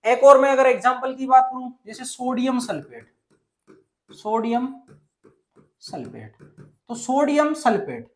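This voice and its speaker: A man's voice: very high-pitched, lively intonation, moderate pace, hardly any pauses. Man, science teacher, step-by-step classroom explaining, asks and answers his own questions. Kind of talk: classroom chemistry lesson.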